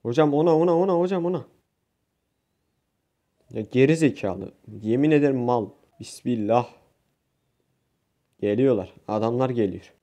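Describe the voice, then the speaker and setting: A young man from Turkey giving excitable, swear-filled commentary over his own gameplay, shouting and yelping when things go wrong. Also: medium pitch, moderate pace, pauses often. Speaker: gaming youtuber.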